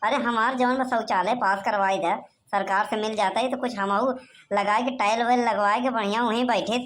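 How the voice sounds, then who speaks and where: A cunning, haggling villager, voiced by a woman, who sells his vote and nags with endless "haan?" tags. He speaks in a rustic Awadhi accent at a fairly high pitch. Cartoon comedy voicing. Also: fairly even intonation, moderate pace, natural voice. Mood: pleading complaint. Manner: loud, bargaining, rustic chatter with tag questions. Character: sly haggling village man Banwari. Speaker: villager voter.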